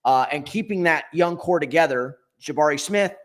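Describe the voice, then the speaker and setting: Chatty higher-voiced man talking hoops. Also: normal speed. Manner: thinks aloud, self-correcting. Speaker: co-host. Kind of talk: casual sports talk.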